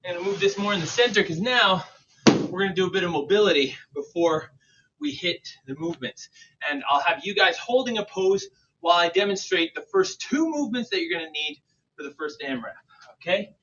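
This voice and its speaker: A man's voice: high voice, expressive, a little fast, sharp tone, slight background noise. A man coaching a live online workout like an aerobics instructor, counting out reps and calling cues with encouragement while exercising along. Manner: switches between English and French. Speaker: fitness coach leading a bodyweight warm-up class. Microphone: away from the mouth, at a distance. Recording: distant, dull microphone.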